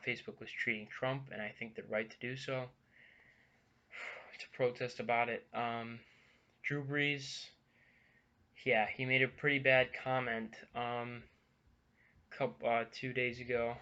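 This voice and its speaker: A young man giving casual news commentary in a vlog, halting and earnest, with many ums and restarts, a bit out of breath. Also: mid-range voice, sharp tone, highs cut off. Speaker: vlogger.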